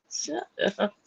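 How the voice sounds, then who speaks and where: A woman co-hosting a casual chat over a thin, tinny phone line with no bass. She is playful and laughs often. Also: creaky, background noise. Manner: playful, laughs often, drawn-out teasing replies. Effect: thin tinny phone-line sound with no bass. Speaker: podcast co-host.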